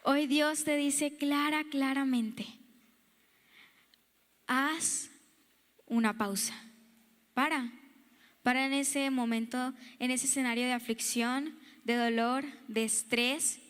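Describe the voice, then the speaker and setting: A woman's voice: sits high, steady tone, takes it slowly, long pauses, fairly bright tone, in a large hall. A young woman preacher sharing a personal testimony in a sermon, repeating words for emphasis.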